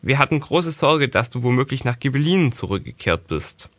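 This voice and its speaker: A man's voice: medium pitch, very animated, a little fast, fairly bright tone, dry recording. A man voicing a bossy older boy at a castle, reproachful and scornful, in a storybook reading.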